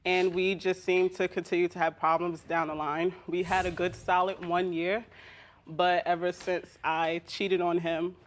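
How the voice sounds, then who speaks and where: A woman's voice: fairly low pitch, level tone, a little hiss or hum. Whiny young woman complaining in court. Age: 20s. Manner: hesitant, halting explanations. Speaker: litigant complaining about partner in a TV court show. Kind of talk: courtroom testimony.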